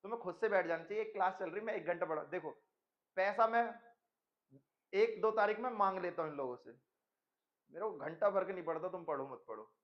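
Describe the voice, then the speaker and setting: A man's voice: high voice, muffled recording. A man teaching a chemistry class in a stern lecturing manner, mixing English terms into his speech. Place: coaching classroom.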